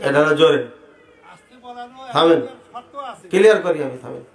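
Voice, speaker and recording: A man preaching to a crowd, animated and rhetorical, asking the audience questions directly. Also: a little high, normal speed. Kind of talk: sermon debating prayer practice. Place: large hall with audience. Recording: echoey hall sound.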